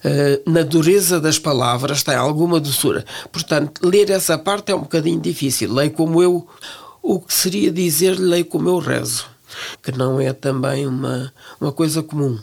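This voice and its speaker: An older woman with a low, gravelly, slightly mellow voice and a European Portuguese accent appears as a guest in a relaxed interview. Speaking at normal speed, she is reflective and hesitant, often restarting her words.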